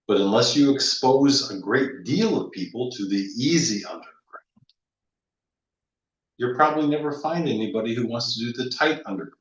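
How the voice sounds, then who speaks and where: A man's voice: medium pitch, expressive, normal speed. A man in casual conversation, musing with a wry, teasing manner and many restarts. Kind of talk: casual reflective chat. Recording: roomy, slightly dull audio.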